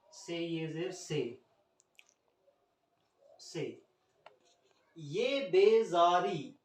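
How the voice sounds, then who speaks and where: A man's voice: a little high, far from the mic. A man teaching an Urdu poetry scansion lesson, spelling out letters one by one in an Indian Urdu accent. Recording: roomy echo, speaker off the mic.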